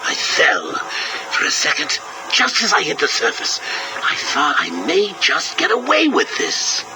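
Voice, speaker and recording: An actor playing a manic, mocking villain clown, heard played back from an old interview tape. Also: male voice, high voice, huge pitch swings, measured pace, over music, heavily acted, poor audio. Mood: sardonic. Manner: sarcastic, sing-song, cackling. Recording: hissy cassette tape recording.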